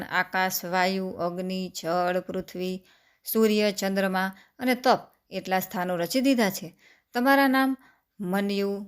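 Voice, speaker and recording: A woman's voice: mid-range voice, clear, resonant tone. Woman reciting scripture steadily. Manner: steady recitation, slowing for lists of names. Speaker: scripture reader. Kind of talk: devotional scripture narration.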